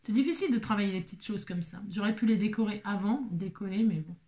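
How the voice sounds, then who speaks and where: A woman's voice: mid-range voice, quick pace, mellow. A woman hosting a craft tutorial, chatting playfully to viewers and to herself as she works. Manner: talks to herself and viewers while working, playful teasing asides.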